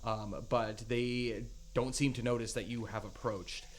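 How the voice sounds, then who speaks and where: A man narrating as game master of a tabletop game, halting with many fillers. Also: mid-range voice, steady tone, slight background noise.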